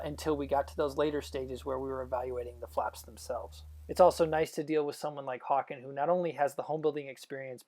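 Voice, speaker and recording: Speaking as a test pilot, a man narrates a flight video in an unscripted, technical, explanatory way, pausing haltingly as he goes. His voice is mid-range with a darkish tone.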